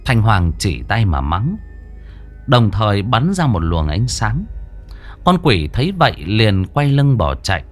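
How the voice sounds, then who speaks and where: A man's voice: lowish voice, very animated, unhurried, faint music behind. A man narrating a horror story with dramatic expression.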